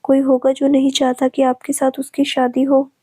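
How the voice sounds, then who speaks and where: A woman's voice: sits high, completely flat delivery, moderate pace, warm tone, no echo, clean studio sound, lightly acted. A woman reading a storybook, voicing a tearful young woman who insists she is innocent, in a pleading manner.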